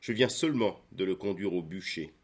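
A man's voice: deep voice, a little fast. A man voicing a grieving noble Greek hero in a storybook reading, speaking solemnly and earnestly.

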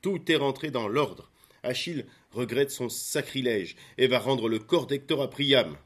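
A man's voice: mid-range voice, pitched above the performer's own voice, close to an everyday voice. A man doing a breathless eager goddess. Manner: raised, hurried and breathless.

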